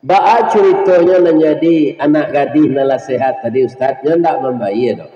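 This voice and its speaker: Male preacher, Minangkabau accent, humorous sermon: lively, talks to the congregation, higher voice, echoey hall. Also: normal speed. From West Sumatra. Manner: lively storytelling that jokes and talks directly to the congregation. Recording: dull lo-fi sound, echoey hall.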